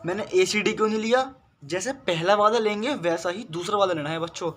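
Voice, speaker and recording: A man's voice: high voice, fast talker, a bit bright, slight background noise. A man teaching a math lesson to school students, patiently repeating questions and explaining step by step, with English terms spoken in a Hindi accent. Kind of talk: classroom lesson.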